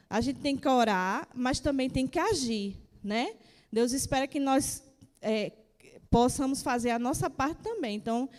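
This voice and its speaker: A woman giving an earnest church testimony, pausing and restarting often as she speaks. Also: on the high side, darkish tone. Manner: earnest, hesitant, many restarts. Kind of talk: spoken testimony. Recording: long hall reverb.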